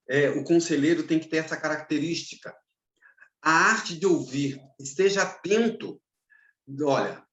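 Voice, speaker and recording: A man's voice: fairly high pitch, roomy sound. A man giving a recorded lecture on pastoral counseling, teaching earnestly and repeating his key advice.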